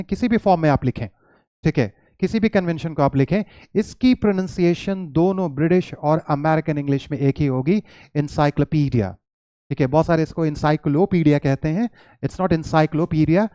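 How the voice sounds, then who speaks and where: A man's voice: fairly high pitch, mellow, clear, resonant tone, no room sound. Indian man teaching English pronunciation. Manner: patient, repeats words slowly to model pronunciation; mixes Hindi with English words and phrases. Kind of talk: classroom lesson explanation.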